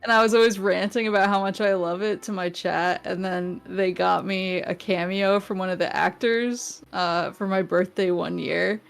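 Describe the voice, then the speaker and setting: This guest vtuber from New England has a fairly low, steady voice with vocal fry and a clean tone. On the chat show she talks casually, laughing often, hesitating and restarting sentences repeatedly. Faint music can be heard in the background.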